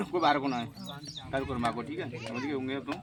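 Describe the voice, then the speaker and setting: A man's voice: mid-range voice, lively intonation, brisk, creaky, crowd noise. A man acting as a shrine healer, giving a visitor firm, assertive advice. He keeps promising results and checking that he is understood. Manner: assertive, repeats "guarantee" and checks "ठीक है?". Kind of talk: advising a visitor.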